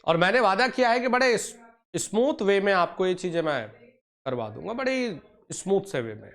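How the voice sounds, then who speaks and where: His voice sits high with a sing-song lilt and a fairly bright tone as he delivers an online exam-prep lecture. Teacherly and fond, he addresses his "pyare bachche" and "beta," alternately scolding and coaxing, and lingers slowly over key terms.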